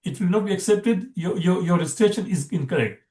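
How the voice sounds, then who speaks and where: A man's voice: high voice, fairly quick, a little mellow, reverberant. A man teaching an Arabic grammar class, explaining patiently with frequent restarts.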